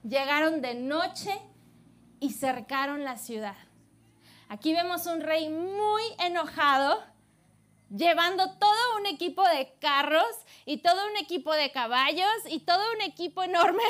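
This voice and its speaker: High-voiced lively woman preacher. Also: measured pace. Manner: lively animated retelling with frequent laughter. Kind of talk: sermon storytelling.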